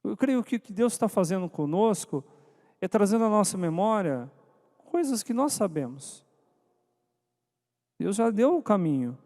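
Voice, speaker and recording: A man speaks to couples at a church meeting, his voice sitting high for a man. He draws the audience in with questions and calls on listeners by name. His words ring out with a long reverb through a church hall. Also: very animated, a little slow, long pauses, darkish tone. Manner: engages the audience, asking questions and calling on people by name. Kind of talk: interactive church talk to couples.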